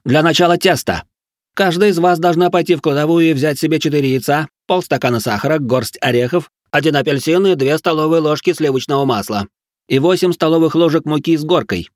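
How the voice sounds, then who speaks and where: Man doing shrill manic aristocrat, pompous, yelling orders, high pitch, loud. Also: brisk, no echo, studio quality, lightly acted. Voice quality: shrill, squealing. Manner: barking orders, pompous, ranting. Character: shrill manic aristocratic male drill-sergeant cook. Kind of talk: audiobook character voice.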